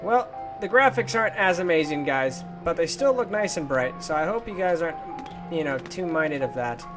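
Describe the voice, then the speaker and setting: Over game music, a young man records let's play commentary for his gaming channel in a fairly high, animated voice at a moderate pace. His chatter is casual and silly, sprinkled with playful exclamations.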